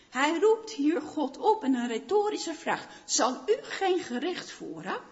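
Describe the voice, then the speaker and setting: A woman preaching a sermon, speaking emphatically and repeating phrases for effect. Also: high-pitched. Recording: dull lo-fi sound with long hall reverb.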